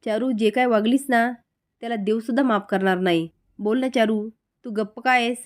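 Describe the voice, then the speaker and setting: A woman's voice: fairly high pitch, steady tone, normal speed, natural voice. A woman voicing a distraught, angry aunt who keeps pressing with reproachful questions.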